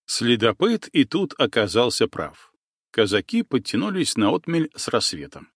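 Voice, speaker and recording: Expressive male audiobook narrator. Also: medium pitch, moderate pace, breathy edge, no room sound, studio quality. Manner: expressive storytelling.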